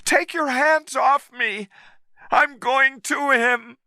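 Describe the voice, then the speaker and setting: A man voicing a young woman in a read-aloud story, pleading and shouting. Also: steady tone, slow pace, no echo, full character voice. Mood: desperate. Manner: high cries, shouting.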